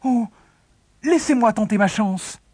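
A man's voice: high voice, huge pitch swings, slow, slightly rough, dry recording, voice pushed up, full character voice. Man doing a plucky brave little boy. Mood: eager. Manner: bold.

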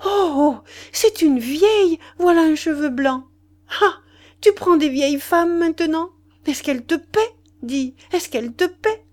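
Woman doing a shrill jealous mistress. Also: animated, moderate pace, a little mellow. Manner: shrill, mocking and furious. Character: jealous, fiery young mistress.

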